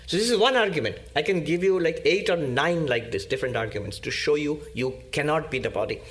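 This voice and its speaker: A man giving a spiritual discourse as a monk, teaching slowly and emphatically with pauses and repetition. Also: on the high side, expressive, a bit bright.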